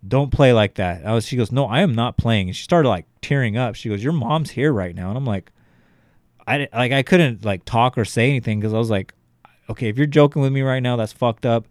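A man's voice: medium pitch, a little fast, no room sound, studio quality. A young adult man, a podcast co-host, telling a rambling, profane story in casual chat, full of fillers like "you know" and "like".

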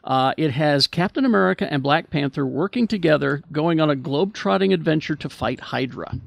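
A man hosting a casual panel chat, talking in a halting, stumbling way. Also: fairly high pitch, animated, gravelly, dry recording. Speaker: podcast host.

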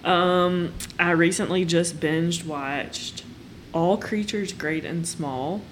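A woman's voice: fairly low pitch, fairly even intonation, slow pace, a little hiss or hum. A woman co-hosting a podcast, chatting casually in a rambling, hesitant way. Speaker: podcast co-host. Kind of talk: casual chat.

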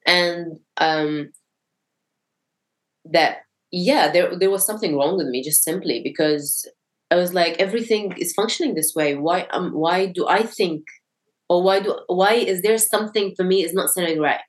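A woman's voice: lowish voice, normal speed. A young woman from Syria, a podcast guest, talking reflectively and searching for words with frequent restarts. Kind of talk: casual conversation.

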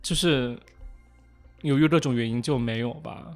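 A man co-hosting a casual podcast chat, telling a childhood story in animated, halting fashion with many restarts. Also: medium pitch, faint music behind. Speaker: podcast co-host.

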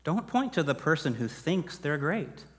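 A man's voice: a little high, sing-song, normal speed. Man, pastor, sermon, earnest, emphatic swells, long hall reverb. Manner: earnest, rising to emphatic peaks, then dropping quiet.

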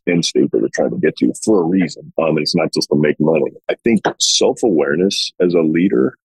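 A man's voice: extremely low pitch, lively intonation, brisk, vocal fry, darkish tone, breathy edge, no room sound, poor audio. A man speaking as a business owner in a casual interview, emphatic and folksy, often repeating words.

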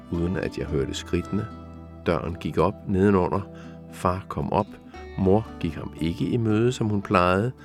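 A man with a very low voice reads a literary passage aloud in a steady, measured way. Soft guitar plays faintly behind him. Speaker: reader. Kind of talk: literary reading.

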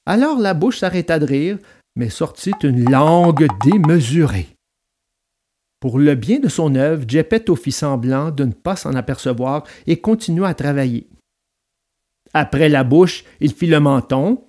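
A man narrating a children's storybook aloud in an expressive, dramatic read-aloud manner. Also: fairly high pitch, unhurried.

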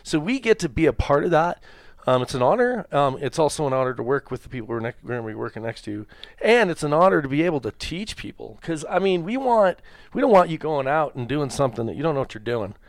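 Excitable man co-hosting a chat. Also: fairly high pitch, quick pace, dry recording. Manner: excitable, laughs often, many restarts. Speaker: podcast co-host. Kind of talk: casual chat.

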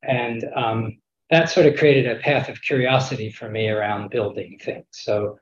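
Male interviewee, measured and reflective with hesitant pauses, roomy lo-fi call sound. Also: medium pitch, fairly even intonation. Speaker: interview guest, architect.

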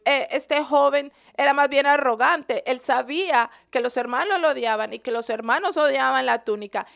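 High, gravelly-voiced woman preacher. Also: fairly bright tone. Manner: asks the listeners questions. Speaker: Bible teacher. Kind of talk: sermon.

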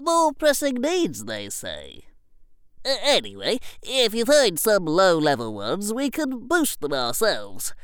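Man voicing gnome engineer, rambling, lively pitch, smooth clear tone. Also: no room sound. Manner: rambling, filler-heavy, friendly. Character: chatty little gnome engineer.

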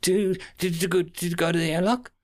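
A man's voice: high-pitched, steady tone, moderate pace, voice pushed up, natural voice. A man voicing a timid young male insect-like crewman who stammers nervously in a storybook reading. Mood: stammering.

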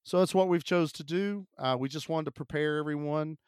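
A man with a slightly raised pitch talks through a stuffy, sick-sounding voice as he co-hosts a movie podcast. He rambles in an upbeat, chatty way, and the recording is close and dry with a smooth, clean tone. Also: fairly quick, darkish tone, no room sound. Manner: chatty, upbeat, frequent fillers. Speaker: podcast co-host. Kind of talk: casual podcast chat.

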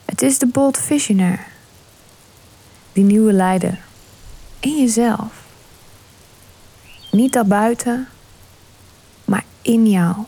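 Soft whispery woman guiding meditation. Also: fairly high pitch. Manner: soft, slow, soothing, often whispered. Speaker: meditation guide. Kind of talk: guided visualization meditation.

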